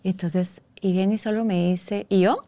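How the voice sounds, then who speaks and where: A woman from Guatemala speaks as an interview guest, telling a painful personal story. Her voice is gravelly and dark, and she talks in a halting, emotional way, breaking off and restarting as she retells old conversations. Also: mid-range voice, steady tone, no echo.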